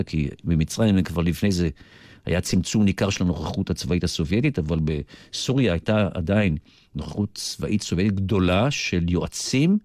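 Older israeli guy, deep voice, telling old stories on the radio, wanders into asides, dry close sound. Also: darkish tone, dry recording. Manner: deliberate storyteller who digresses into asides. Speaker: interview guest, retired military intelligence officer. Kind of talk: reminiscing in a radio interview.

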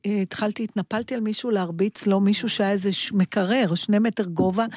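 A middle-aged woman co-hosting a casual radio chat, telling stories and jokes in an animated way. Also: mid-range voice, dry recording, clean studio sound. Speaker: radio co-host.

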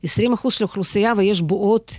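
A woman's voice: medium pitch, darkish tone, no echo. A woman professor who is a native Russian speaker, explaining her field as an interview guest in Hebrew with a Russian accent, often adding short check questions. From former Soviet Union. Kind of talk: academic interview answers.

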